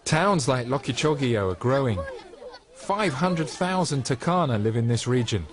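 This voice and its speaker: A man narrates as the presenter of a nature and travel documentary. His scripted delivery sits at a middling pitch for a man. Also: lively intonation, normal speed.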